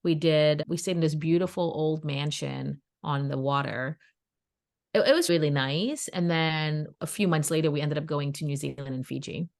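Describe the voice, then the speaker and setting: A woman's voice: normal speed, vocal fry. A woman co-hosting a podcast, telling a personal story in casual chat and acting out what others said. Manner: animated, acts out quoted dialogue in pitched-up voices; chatty and emphatic, addresses listeners as "guys". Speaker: podcast co-host.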